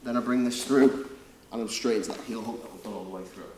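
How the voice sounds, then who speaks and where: A man with a Yorkshire accent coaching a martial arts seminar, talking through demonstrations step by step in an informal, blokey way with quick checking questions. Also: lowish voice, darkish tone. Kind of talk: hands-on demonstration teaching with casual banter. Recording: echoey room, distant mic, faint noise.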